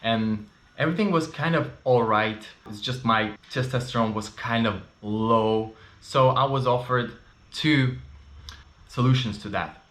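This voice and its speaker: Telling his personal story to camera, a man in his thirties talks in an unhurried, mid-range voice with a bit of brightness. He's a vlogger and non-native English speaker with a Russian and Ukrainian accent, candid and chatty with frequent fillers, and the audio has a roomy echo.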